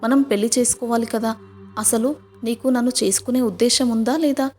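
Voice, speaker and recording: A woman's voice: on the high side, steady tone, fairly quick, a little mellow, soft background music, natural voice. A woman doing an impatient young coworker.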